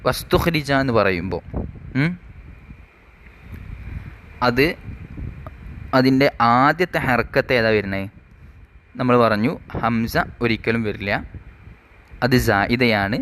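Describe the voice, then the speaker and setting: A man teaching an Arabic grammar lesson, reading rule text slowly and then explaining it, asking questions and answering them himself. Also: mid-range voice, a bit bright, slight background noise.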